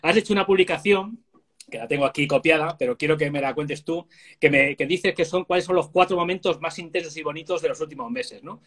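Husky man interviewing. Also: on the high side, fairly quick, a bit bright. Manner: encouraging, rambling questions. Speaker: interviewer, host. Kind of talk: conversational interview.

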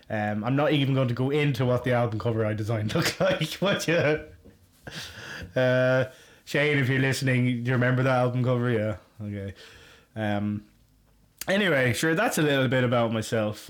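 A man in his early thirties speaks in a fairly low voice with a west of Ireland accent. He chats casually as a solo podcast host, wandering informally from one thought to the next. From Galway, west of Ireland. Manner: rambling, informal. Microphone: condenser shotgun mic.

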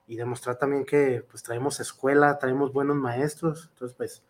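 A man's voice: mid-range voice, little pitch movement, moderate pace. A man with a Mexican accent, a professional wrestler answering interview questions in an earnest, rambling way full of fillers and restarts.

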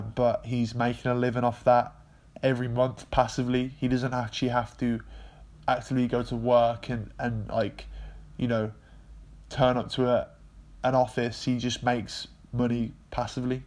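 A man's voice: medium pitch, darkish tone. A man with a nasal, congested voice from a cold, explaining history in a rambling, casual monologue full of fillers and the odd swear word. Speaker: video essay host.

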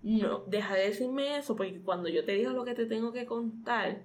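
A woman's voice: fairly high pitch, moderate pace. A young woman from Puerto Rico with a Puerto Rican accent tells an emotional personal story as an interview guest. She rambles with many fillers and re-enacts the dialogue. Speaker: interview guest, pastor's daughter. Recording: faint background noise.

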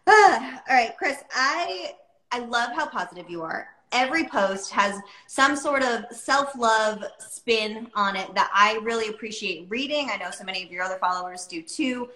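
Woman in her thirties, podcast host, bright tense voice, echoey room. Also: fairly high pitch, expressive, moderate pace. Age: 30s. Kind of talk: casual chat.

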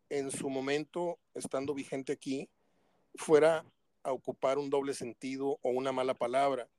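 A man in his sixties hosting a sports radio show, interviewing a guest in an effusive, formal and flattering way. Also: mid-range voice, no room sound. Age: 60s.

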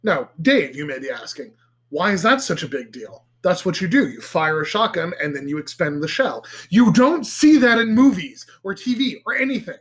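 A man co-hosting a casual podcast chat with friends, animated and profane, rambling through tangents with lots of fillers. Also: moderate pace, hardly any pauses. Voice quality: animated, swears freely, goes high and shrill when laughing. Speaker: podcast co-host. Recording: several people chatting around one mic.

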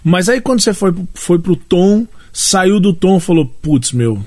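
A man from southern Brazil hosting a podcast, asking questions in relaxed, slangy casual talk. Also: sits high, a little slow, no room sound, studio quality. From Rio Grande do Sul, Brazil. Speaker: podcast host. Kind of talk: casual interview chat.

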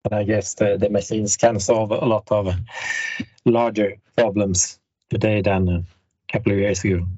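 Male host, low raspy voice, measured questions, dead-dry lo-fi recording. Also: flat delivery, dark tone, no echo. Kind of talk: interview questions.

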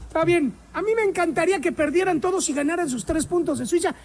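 High-pitched man, blunt quips. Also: quick pace, a little mellow. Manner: short blunt quips, chimes in. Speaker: podcast co-host. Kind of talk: casual sports chat.

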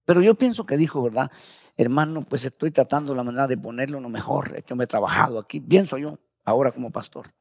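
A man's voice: mid-range voice, quick pace, creaky, no room sound, studio quality. A man preaching as a pastor, telling his story in a conversational way and often calling his listeners brother. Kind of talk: testimony sermon.

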